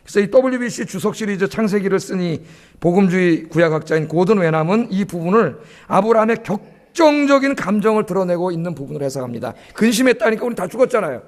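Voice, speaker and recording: Man pastor with a high voice preaching a Sunday sermon in church, often stopping to quiz the congregation. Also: animated, fast talker. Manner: asks the congregation questions and answers them himself; often adds a questioning "예?". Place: church sanctuary.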